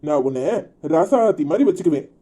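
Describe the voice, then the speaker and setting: A sly village man from a Tamil cartoon, speaking with a Tirunelveli accent. His voice is husky and mellow, and it swings a lot in pitch as he coaxes and bullies. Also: sing-song, fairly quick. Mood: coaxing. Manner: coaxing, then bullying. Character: scheming married man, smooth-talking then threatening. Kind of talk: cartoon voice acting.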